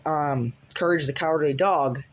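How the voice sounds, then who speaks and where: A man's voice: on the high side, moderate pace, slight background noise. Rambling young-sounding guy vlogging. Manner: rambling, lots of restarts and fillers. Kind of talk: casual storytime recap.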